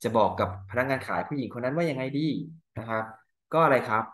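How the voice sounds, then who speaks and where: A Thai-accented male teacher goes through exam answers, slowly reading English lines and explaining each in Thai. His voice is mid-range and fairly bright.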